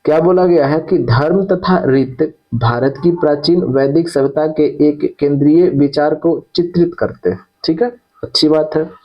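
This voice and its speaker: A man's voice: a little high, normal speed, lo-fi sound. A man teaching an exam-prep lesson who repeats key terms and checks in with his students after each point.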